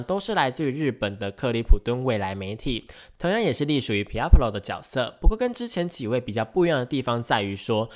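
A man hosting a podcast, explaining things in a casual, rambling way with frequent hesitations and self-corrections. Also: medium pitch. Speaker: podcast host.

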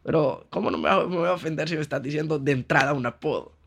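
A podcast guest with a Honduran Spanish accent, trained as an architect, casually recounts personal stories with quoted dialogue and slangy asides. His voice runs on the high side, quick and creaky, a little rough.

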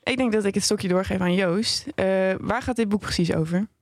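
A woman hosting a literary podcast in a studio, brisk and teasing as she leads the talk. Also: medium pitch, no room sound. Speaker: podcast host. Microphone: studio microphone.

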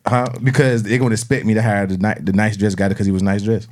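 Low-pitched Southern man, slangy casual talk. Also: steady tone, quick pace, darkish tone. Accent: Southern US, South Carolina. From South Carolina. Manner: slangy, freely swearing. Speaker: podcast host. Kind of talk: casual debate and chat.

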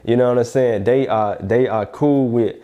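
A man's voice: mid-range voice, normal speed, highs cut off. A man from Alabama with a Southern accent, talking casually in an interview in slangy speech full of check-in phrases. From Alabama, United States. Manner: slangy, repeatedly checks "you know what I'm saying". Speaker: rapper being interviewed.

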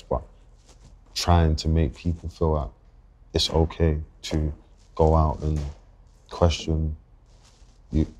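Speaking on a podcast as a guest rapper, a London man in his 20s uses an extremely low, monotone voice. His delivery is halting and thoughtful, and he keeps circling back to begin his thoughts again.

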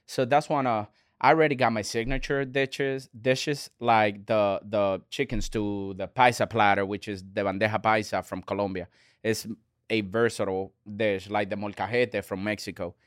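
A man, a restaurant owner talking as a guest in an earnest, halting way with many restarts. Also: fairly low pitch, steady tone, no echo, clean studio sound. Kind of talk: casual interview talk.

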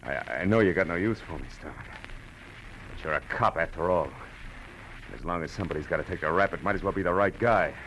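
Playing a tough, wry private eye narrating his own case, an American radio actor serves as lead and narrator in a hard-boiled 1940s-style drama. His male voice sits low and moves at a quick pace, clipped, sardonic and slangy, with an urgent, insistent mood. It's a noisy vintage radio recording.

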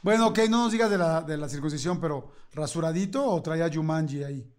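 A man's voice: a little high, fast talker, a little mellow. A man hosting a podcast, asking cheeky, teasing questions in casual chat. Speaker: podcast host.

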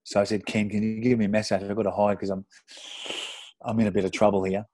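A middle-aged Australian man, a former footballer, telling an animated, sweary anecdote with self-deprecating laughs in casual podcast chat. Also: fairly low pitch, quick pace, dry recording. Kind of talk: casual storytelling.

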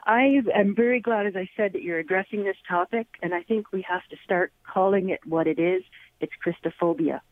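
A woman's voice: mid-range voice, a little fast, no echo. A woman calling in to a radio talk show over a phone line, speaking in a polite, earnest way. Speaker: caller. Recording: tinny, dry phone line.

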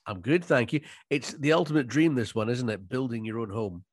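A man with a Scottish Highland accent presenting a podcast in a chatty, jokey, wordy way. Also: a little fast, dry recording, clean studio sound. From Inverness, Scottish Highlands. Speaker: podcast host.

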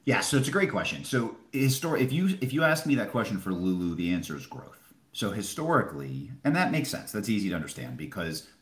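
A man's voice: fairly low pitch, sing-song, fairly quick, fairly bright tone. A man giving conversational expert analysis as a retail analyst in a podcast interview, explaining emphatically and posing questions that he answers himself. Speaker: Wall Street retail analyst. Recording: roomy, echoing sound.

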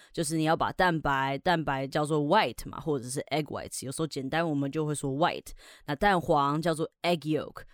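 A woman's voice: low-pitched, dry recording, studio quality. A woman from Taiwan with a Taiwanese Mandarin accent, hosting a podcast English lesson. She reads English lines aloud, then explains them in chatty Mandarin. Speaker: English teacher and podcast host.

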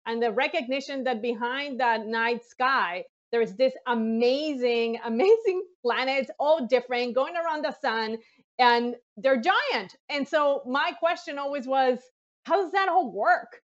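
A Colombian woman whose first language is Spanish talks fast and excitedly in a high, bright voice, coming through a bit muffled on a video call. She is a NASA mission lead being interviewed as a guest, and she tells stories with enthusiasm, animation, and laughter.

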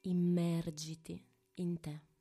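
A woman guides a meditation very slowly, speaking softly as if right in your ear. Her voice is mellow and on the low side. She leaves long pauses between short, intimate phrases. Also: little pitch movement, breathy edge. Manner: hushed, intimate, close to the ear. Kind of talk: guided meditation, slow and soothing.

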